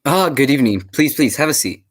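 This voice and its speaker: A man playing a genial, courteous English gentleman doctor and storyteller in a radio drama, with old-fashioned phrasing. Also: mid-range voice, animated, fairly quick, lightly acted. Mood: genial, reminiscing. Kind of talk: radio drama narration and dialogue.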